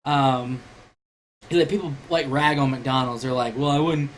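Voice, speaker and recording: A man's voice: mid-range voice, steady tone, moderate pace, a little hiss or hum. A man in his twenties co-hosting a casual podcast, telling rambling stories full of fillers. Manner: rambling, storytelling with lots of fillers. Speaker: podcast co-host. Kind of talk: casual chat.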